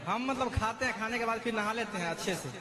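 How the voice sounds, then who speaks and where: A man in the audience giving brief, sheepish answers to a preacher, recorded in an echoey room over a loud crowd. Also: high-pitched, fast, heavy background noise. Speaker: devotee in audience.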